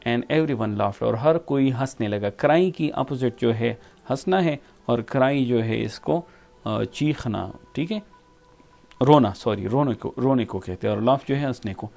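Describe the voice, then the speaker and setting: A man with a Pakistani accent teaching from an English textbook, reading each sentence slowly and then explaining it in quick bursts, often checking in with "theek hai". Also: mid-range voice, vocal fry, a little mellow.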